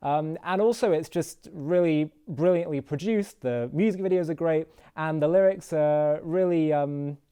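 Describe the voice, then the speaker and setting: A man's voice: fairly high pitch, a little slow, hardly any pauses, dark tone, clear, resonant tone. A man hosting an interview, speaking casually and hesitantly with many fillers and restarts. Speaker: interview host.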